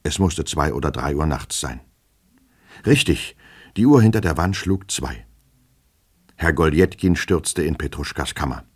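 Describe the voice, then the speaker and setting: A man narrating a classic novel in a measured, expressive literary reading. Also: rumbling low, slightly rough.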